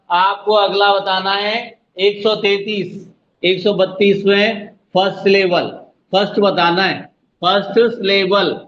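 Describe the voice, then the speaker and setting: A man teaching an online exam-prep class, drawing words out slowly syllable by syllable and calling his students "beta", with an Indian English accent. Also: sits high, a bit bright. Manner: slow, drawn-out spelling of words, addresses students as "beta". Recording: dull lo-fi audio with faint noise.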